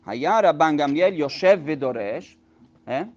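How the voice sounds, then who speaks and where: Guy teaching a text study class, reads a line in hebrew then explains it, voice a bit high, dull lo-fi recording. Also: expressive, slow pace, darkish tone. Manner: explains patiently, with many restatements.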